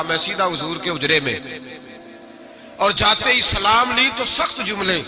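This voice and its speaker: High-voiced male preacher, dramatic delivery. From Pakistan. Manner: dramatic, shifts pitch to act out quoted dialogue; recites poetry slowly. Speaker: Islamic preacher. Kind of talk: sermon storytelling.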